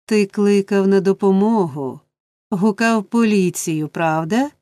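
A woman's voice: medium pitch, expressive, measured pace, darkish tone, no echo, close to an everyday voice. A woman doing a sly mocking old thief. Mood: mocking menace. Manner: sneering, mocking.

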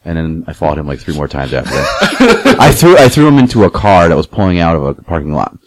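A young man casually telling rough stories, swearing a lot and acting out what people said. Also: sits low, brisk, no echo. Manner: animated, swears a lot, acts out quotes. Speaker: podcast guest telling stories. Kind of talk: casual profane storytelling.

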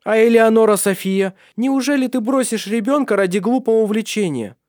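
A man's voice: high-pitched, fairly quick, a little mellow, no room sound, studio quality, pitched above the performer's own voice, close to an everyday voice. A man voicing a furious, commanding royal daughter who shrieks orders in an audiobook. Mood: stern.

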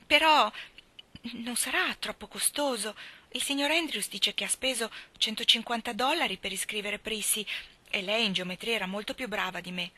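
A woman's voice: mid-range voice, bright, forceful tone, no echo. A woman voicing an earnest, talkative thirteen-year-old girl who pours out her words in an effusive rush, in an audiobook reading. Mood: excited, eager. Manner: breathless, effusive, talks on and on.

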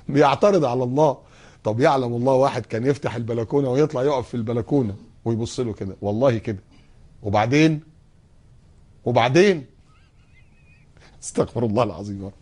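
A man preaching a sermon in an Egyptian accent, speaking in a lively, theatrical way that acts out scenes and voices. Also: medium pitch. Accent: Egyptian Arabic. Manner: animated, acts out quoted voices and scenes, jokes and laughs. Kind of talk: colloquial sermon.

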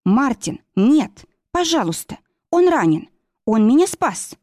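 Here is a young heroine caught in a heated scene, her voice lifted high and strained with feeling, as a woman narrator puts her on. She pleads and protests in a dry, close storybook recording with no room sound. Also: sing-song, normal speed, mellow, dry recording. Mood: pleading.

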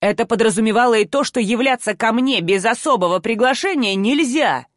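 A woman's voice: on the high side, expressive, brisk, dry recording, studio quality, lightly acted. A woman voicing a stern, tired man who scolds harshly in an audiobook reading. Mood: angry scolding.

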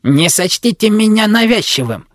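An actor voicing a fussy, long-winded marrying robot in an audio drama, with a creaky metallic voice and grumbling, pedantic delivery. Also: mid-range voice, big pitch swings, normal speed, dry recording, studio quality.

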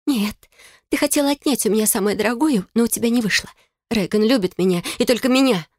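A woman's voice: fast, darkish tone, no echo, clean studio sound, close to an everyday voice. A woman playing a tearful furious young bride. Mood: cold anger. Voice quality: trembling, shrill voice.

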